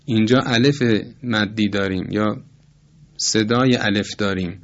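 A man's voice: lowish voice, fairly even intonation. Polite man teaching Quran recitation. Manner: measured and polite, demonstrating Arabic vowel sounds aloud. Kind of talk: recorded tajwid lesson. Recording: dull lo-fi recording.

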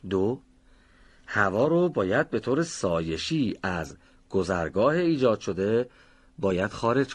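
Man teaching recitation, husky tone, lively rising and falling pitch, slow careful word drills. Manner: slow, deliberate pronunciation of example words. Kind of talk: instructional lesson. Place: recording studio.

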